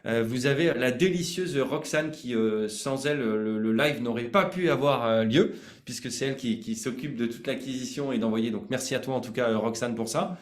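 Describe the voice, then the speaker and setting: A man's voice: mid-range voice, normal speed, roomy sound. A man hosting a live online sales training, chatty and informal, hesitating often with fillers.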